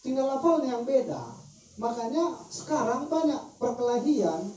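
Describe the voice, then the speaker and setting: Distant speaker in an echoey room. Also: male voice, very high voice, animated, moderate pace, dark tone, lo-fi sound. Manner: explanatory, illustrates points with spoken examples. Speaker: discussion speaker. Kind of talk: casual discussion talk.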